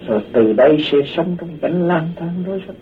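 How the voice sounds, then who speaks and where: In this tinny, far-off, phone-like recording with a little hiss or hum, a man with a fairly high voice talks fairly quickly and animatedly. He recounts his own past as personal testimony, performing the voices of the characters involved.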